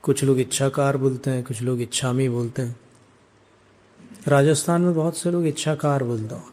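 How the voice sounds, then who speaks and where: A man, a monk, chanting prayers in a drawn-out way and then explaining scripture in a calm teaching sermon. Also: medium pitch. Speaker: Jain monk giving a discourse.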